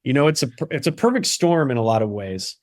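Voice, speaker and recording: A man from the Chicago area, a playwright and solo performer, chatting in an interview in a quick, animated way with lots of restarts. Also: mid-range voice, no room sound, studio quality. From Chicago area (Barrington). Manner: animated, quick, many restarts and "you know"s. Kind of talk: casual interview conversation.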